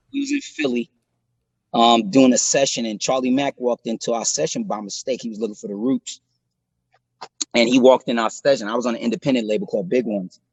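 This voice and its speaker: A man's voice: mid-range voice, breathy edge, dry recording, poor audio. A man being interviewed about his singing career, telling stories casually with slang and acting out quotes. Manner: animated storyteller using slang, acts out quotes. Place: studio-style phone or video call.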